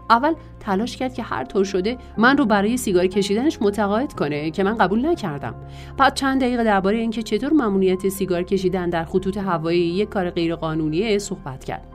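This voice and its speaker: A woman narrating a self-help audiobook in a measured reading voice, drawing out lists of words. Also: medium pitch, darkish tone.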